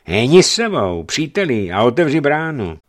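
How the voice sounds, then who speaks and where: A man's voice: mid-range voice, sing-song, voice pushed up, natural voice. A man playing a brash red-bearded merchant. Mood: bantering. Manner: joking, brash. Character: tall red-bearded male merchant, joking and bold.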